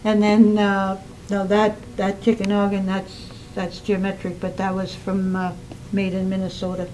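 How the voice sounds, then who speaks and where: A woman giving an informal museum tour as guide, calm and explanatory, pausing to find her words. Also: medium pitch, a crowd in the background. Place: inside a small museum. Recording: noisy on-location recording, varying distance from mic.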